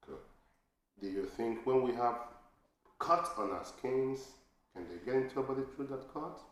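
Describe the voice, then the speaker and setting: A man's voice: medium pitch, animated, normal speed. A man as a teacher giving an oral speaking test, asking patient questions and giving short praise. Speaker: English teacher and examiner. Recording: very echoey room with faint noise.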